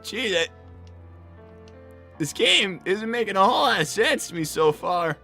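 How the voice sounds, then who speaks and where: Very animated yet a little slow, a mid-range voice plays over music as a livestream host portrays a young cartoon fox boy. The character is flustered and puzzled, stammering and repeating words while running a game stream.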